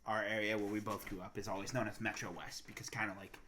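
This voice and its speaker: A young man from Massachusetts co-hosts a podcast, chatting casually and thinking out loud with plenty of fillers. His voice sits on the low side with little pitch movement, and he talks fast over background noise.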